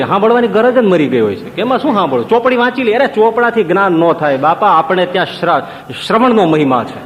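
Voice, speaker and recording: A man's voice: high voice, a little hiss or hum. A man telling devotional stories in a sermon, often asking his listeners questions. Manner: storytelling with rhetorical questions. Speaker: preacher. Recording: long reverb, dull lo-fi sound, faint ambience.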